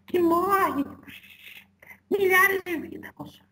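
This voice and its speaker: A woman's voice: extremely high pitch, pushed and bright, heavily acted. A woman channeling Mirim, a tiny whispering spirit. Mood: whispery earnest. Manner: whispery, slow, calls the listener "moço". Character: small whispering spirit guide channeled by a medium. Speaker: spirit medium.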